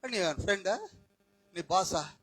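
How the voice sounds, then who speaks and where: A man preaching a Pentecostal sermon, firing questions at the congregation, swinging between shouts and quiet asides, dropping in English phrases. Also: high voice, animated, takes it slowly, no echo, soft background music, low-quality recording. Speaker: pastor.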